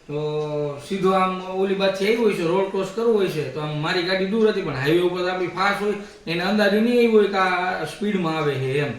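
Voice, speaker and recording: A man's voice: high-pitched, fairly quick, few pauses. A man casually telling a story on a family vlog, acting out what others said. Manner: animated retelling with acted-out quotes. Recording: very echoey room, distant mic.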